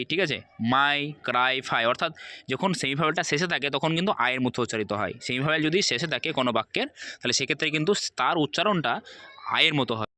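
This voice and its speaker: A man's voice: fairly high pitch, bright, forceful tone, no echo, studio quality. A man teaching English pronunciation, spelling words out letter by letter and repeating each example.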